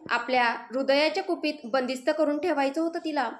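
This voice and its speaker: A woman with a high, bright voice reads a love story aloud. Her narration is emotive and dramatic, leaning into each feeling. She tells it in a scripted storytelling style. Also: fairly quick, a little hiss or hum.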